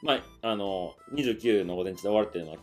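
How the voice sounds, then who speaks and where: Lively, fast-talking Kansai man. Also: low-pitched, soft background music. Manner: storytelling, laughs often. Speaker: podcast co-host. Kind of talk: casual chat.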